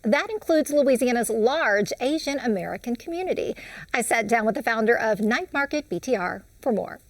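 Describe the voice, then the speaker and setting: A woman hosting a TV studio interview, asking measured, polished questions. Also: on the high side, expressive. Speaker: TV host. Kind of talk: broadcast interview.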